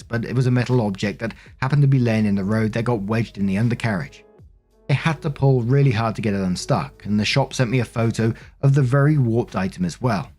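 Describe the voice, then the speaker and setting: A man with a medium-pitched, somewhat dark voice reads online stories aloud in a plainspoken, conversational manner. As host of a story-reading show, he adds casual comments along the way.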